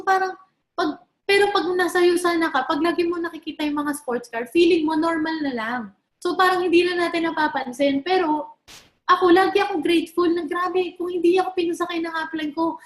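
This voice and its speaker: Woman around 30 doing a motivational talk, high voice, keeps asking the crowd stuff, echoey hall. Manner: chatty storytelling, mixing in English, asks the crowd questions. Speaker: network marketing speaker. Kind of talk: motivational stage talk to an audience.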